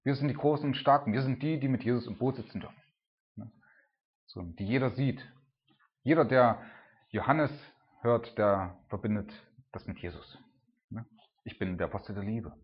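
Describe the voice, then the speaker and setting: A man delivers a sermon in an informal, talky way, checking in with listeners through a constant "ne?". His voice sits at an ordinary middle pitch and swells to loud cries in the dramatic retellings. The recording is dull and lo-fi. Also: moderate pace, long pauses. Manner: informal, keeps adding "ne?", builds to loud cries when retelling the storm. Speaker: preacher.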